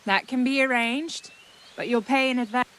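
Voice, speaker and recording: A woman's voice: high voice, fairly even intonation, normal speed, fairly bright tone, a little hiss or hum. A woman voicing a businesslike medieval bathhouse keeper in a video game. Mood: brisk, obliging.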